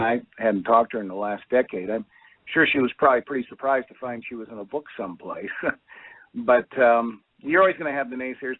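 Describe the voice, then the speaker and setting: A man's voice: mid-range voice, dry recording. A man, a guest author, telling a personal story in a radio call-in interview, acting out the quoted voices. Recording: thin phone-line sound.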